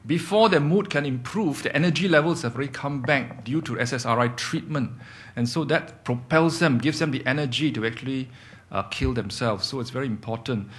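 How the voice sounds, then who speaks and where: A man's voice: medium pitch, a little fast, fairly bright tone. Man giving a clinical lecture. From Singapore. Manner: explanatory, repeats key points with rhetorical questions and "okay?". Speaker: psychiatrist lecturing doctors.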